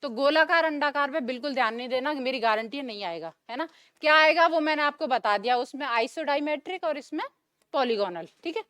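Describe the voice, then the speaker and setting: A woman's voice: high-pitched, lively intonation, a little fast, a bit bright, no room sound. A young woman teaching a classroom lecture, asking the class questions and answering them herself, repeating the key terms.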